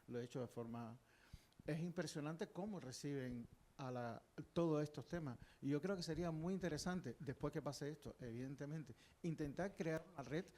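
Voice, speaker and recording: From the audience at a public panel discussion, an older Cuban historian speaks earnestly, full of fillers and restarts. His voice is fairly high-pitched and warm.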